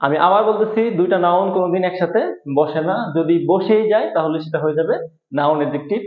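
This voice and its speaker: A man's voice: high voice, roomy sound, narrow, tinny audio. Man teaching grammar over a phone-thin line. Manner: explains slowly, repeating each rule. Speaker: English teacher. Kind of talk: satirical grammar lesson.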